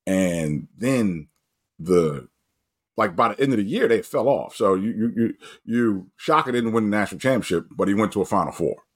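Excitable low-voiced coach talking sports. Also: male voice, moderate pace. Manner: animated, pitch jumps up when excited, frequent restarts. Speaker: coach and guest analyst. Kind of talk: casual sports talk.

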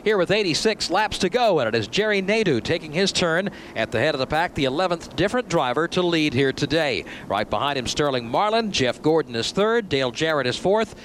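Motorsport commentator, male, high-pitched, running through race positions live with cars audible behind. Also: lively intonation, fairly quick, fairly bright tone. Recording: clear vehicle noise. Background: race cars outdoors.

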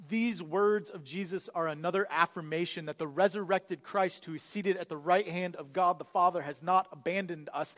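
A man preaching a sermon as pastor, earnest, rising to loud emphasis and falling to a near hush. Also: a little high, big-room sound. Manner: earnest preaching that swells louder and drops to a hush. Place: church sanctuary.

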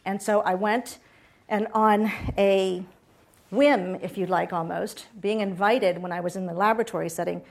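Her mid-range voice holds a steady tone at normal speed, with some vocal fry. She's a middle-aged Puerto Rican guest speaker giving students a chatty, lively talk and often checking in by asking the audience questions.

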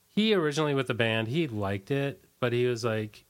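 A punk band singer, interviewed as a guest, rambles casually through his recollections in an expressive, mid-range voice. He halts often and keeps restarting his sentences with false starts.

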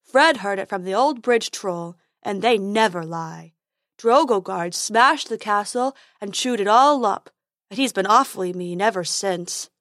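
A woman voicing a silly, stubborn male unicorn who talks slowly. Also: medium pitch, lively intonation, a bit bright, no room sound, studio quality. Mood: sure. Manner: slow, dopey.

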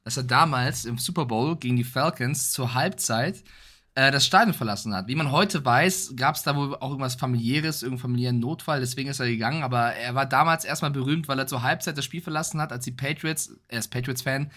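A man's voice: medium pitch, fast talker, sharp tone. A man with a German accent co-hosting a casual chat podcast, asking follow-up questions and adding background for listeners. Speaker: podcast co-host.

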